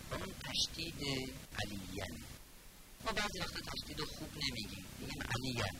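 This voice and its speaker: A man teaching the pronunciation of recited phrases, explaining calmly, then chanting each phrase slowly and drawn out for students to repeat. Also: mid-range voice. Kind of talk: recorded lesson on reciting the call to prayer. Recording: loud background noise.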